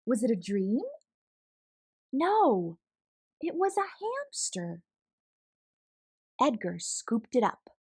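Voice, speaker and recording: A husky, fairly high-pitched woman reads a picture book for children slowly, leaving long pauses. She brings the story to life with an animated, expressive delivery.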